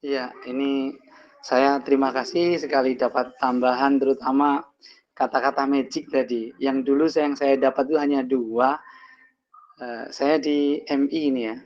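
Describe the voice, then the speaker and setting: A man's voice: medium pitch, steady tone, moderate pace. Hesitant man asking over a dull webcall. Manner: hesitant, thanks then asks. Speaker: teacher asking a question. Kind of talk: webinar participant question. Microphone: video call. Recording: dull lo-fi online call audio.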